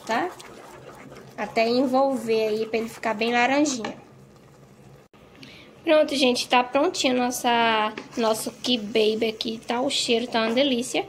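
A woman with a fairly high voice chattily walks viewers through a home recipe in her kitchen, frequently checking in with them and tagging phrases with "tá?" and "gente." A slight hiss or hum is audible in this casual cooking vlog.

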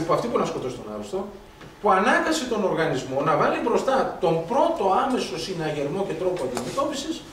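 Animated man lecturing in an echoey hall. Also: sits high. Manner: animated storytelling, acts out dialogue, rhetorical questions. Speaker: doctor lecturing on blood gases. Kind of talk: lively medical lecture with anecdotes. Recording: echoey hall from far off, faint noise.

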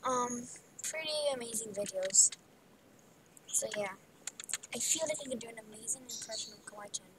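Woman with a high voice rambling over her game, playful, slips into whispers, noisy hissy recording. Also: moderate pace, pauses often. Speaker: gaming video creator. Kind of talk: casual gameplay commentary.

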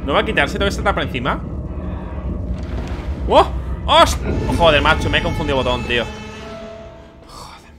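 A young man giving excitable, swearing let's play commentary, yelping at scares. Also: fairly high pitch, normal speed, long pauses. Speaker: gaming YouTuber. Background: game music.

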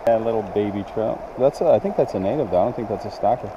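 A man's voice: lowish voice, quick pace, lo-fi sound. A man fishing in a river and bantering offhandedly with a friend, heard from a few meters away. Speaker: fishing companion. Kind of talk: casual banter. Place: outdoors wading in a river. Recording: distant voice, loud river noise.

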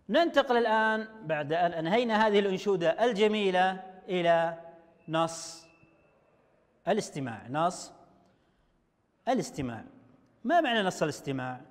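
A male teacher giving an online language lesson to young children, slowly sounding out words syllable by syllable. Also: sits high, big-room sound. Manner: slow, drawn-out syllable-by-syllable explaining. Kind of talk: online Arabic lesson for first graders.

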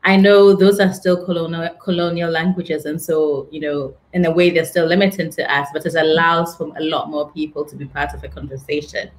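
A woman's voice: deep voice, little pitch movement, a little fast, hardly any pauses. A woman hosting a casual video-call interview, speaking in an effusive, praising way. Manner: effusive, praising, laughs often. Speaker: interview host. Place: indoor office with a frosted glass wall.

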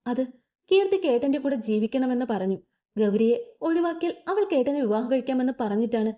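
A woman's voice: high voice, expressive, fairly quick, dark tone. A woman voicing a guilty young woman who sobs and stammers, on a dull lo-fi recording. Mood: begging. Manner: stammering, sobbing.

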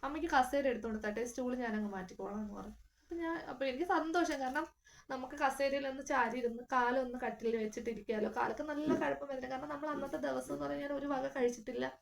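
A woman's voice: high-pitched, fairly even intonation, fast, creaky. A young woman, earnestly retelling a hard family hospital stay in a casual vlog, with many fillers. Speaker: vlogger. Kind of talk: casual personal storytelling.

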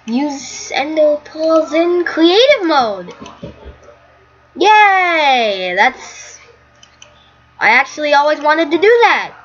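Young female gaming vlogger, high voice, unhurried, rambly, dull lo-fi mic. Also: a bit bright. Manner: rambling, easily startled, chatty. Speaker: gaming YouTuber. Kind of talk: casual gameplay commentary.

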